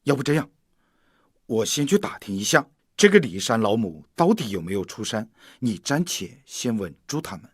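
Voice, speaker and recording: An actor playing a flustered, defeated Taoist priest, complaining and defensive. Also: male voice, mid-range voice, sing-song, moderate pace, slightly rough, no room sound, clean studio sound.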